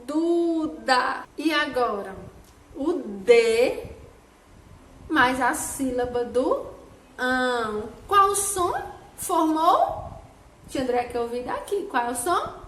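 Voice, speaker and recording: A woman teacher giving a children's phonics lesson, sounding out each syllable slowly in a sing-song way. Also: sits high, expressive, fairly bright tone. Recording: echoey room with faint background noise.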